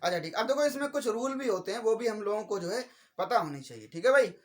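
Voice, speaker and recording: A male maths teacher giving a classroom-style lecture, slow and repetitive, adding "okay brother" after nearly every sentence. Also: high-pitched, animated. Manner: slow and repetitive, spells out each step.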